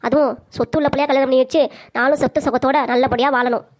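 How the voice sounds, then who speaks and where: திருநெல்வேலி வட்டார வழக்கில், கேலியும் திட்டுமாகப் பேசும் வயதான சூழ்ச்சிக்கார மாமியாராக ஒரு பெண் குரல் கொடுக்கும் cartoon. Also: female voice, high voice, fairly even intonation, racing, natural voice. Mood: scolding. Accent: Tirunelveli Tamil. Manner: taunting, scolding. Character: sharp-tongued scheming older mother-in-law. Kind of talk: cartoon comedy voice acting.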